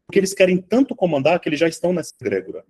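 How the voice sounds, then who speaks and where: Guy teaching an online spiritual class from his house, goes quiet then yells, swears a lot. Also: on the high side, sing-song, rapid-fire, slightly rough. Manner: swings from hushed to shouting, swears freely. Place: at home.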